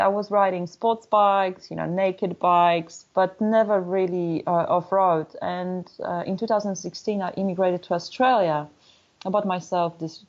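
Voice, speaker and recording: A woman in her thirties with a Polish accent speaks in a fairly low voice, candid and chatty, often restarting her sentences. The sound is muffled and lo-fi, like an older podcast recording. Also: darkish tone. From Poland. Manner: candid, many restarts and "you know" fillers. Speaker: guest, motorcycle traveler. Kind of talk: casual interview conversation.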